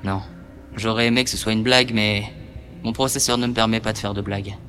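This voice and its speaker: A woman voicing an apologetic, literal-minded male robot who speaks in formal, fast sentences over game music. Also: very deep voice, fairly even intonation, pitched below the performer's own voice.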